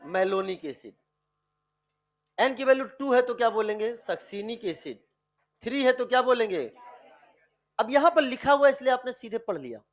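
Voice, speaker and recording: High-voiced man quizzing a chemistry class. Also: expressive. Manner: quizzing students with repeated questions, drawn-out key words; affectionate, calls students dear children. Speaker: chemistry teacher. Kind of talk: classroom lecture with online students.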